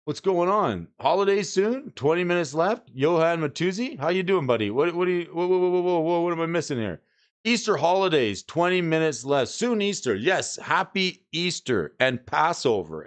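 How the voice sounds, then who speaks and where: Male streamer host, clear smooth tone, chatty, animated, casual delivery. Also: medium pitch. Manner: chatty and animated, lots of restarts and "like". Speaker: livestream host. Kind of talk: casual livestream chat.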